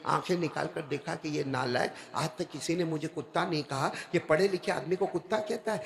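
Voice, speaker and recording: A man preacher telling a story in a sermon to a gathering, swinging between shouted lines and low asides and calling on the crowd to respond. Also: creaky. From South Asia.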